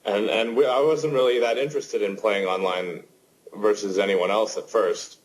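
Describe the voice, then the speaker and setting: A man's voice: lowish voice, moderate pace, slight background noise, low-quality recording. A man in his twenties, a poker player guest, answering casually with lots of fillers and restarts. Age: 20s. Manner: relaxed, rambling with many fillers and restarts.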